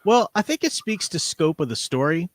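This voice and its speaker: A male co-host on a livestream chats casually about books and comics, explaining things in a rambling, conversational way. His voice sits high and sing-song at a normal speed, with no echo.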